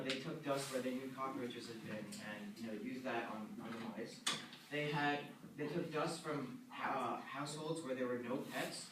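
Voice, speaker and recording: A man presenting a journal article to a class, talking haltingly with many fillers and restarts. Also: mid-range voice. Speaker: student presenter. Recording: echoey room, distant mic, noisy.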